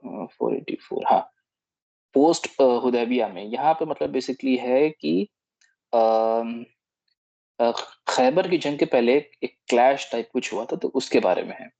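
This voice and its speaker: A man explaining a history book to a study group in casual Hindi mixed with English phrases, halting often to search for words. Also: medium pitch, vocal fry, mellow, no echo, lo-fi sound. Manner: halting, mixes English phrases, many fillers. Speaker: study circle presenter.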